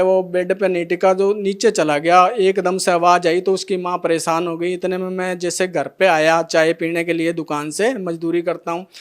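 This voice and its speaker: Emotion runs through this middle-aged man's testimony of devotion, and he acts out every line of dialogue as he moves from scene to scene. His voice sits high and sounds clear and resonant.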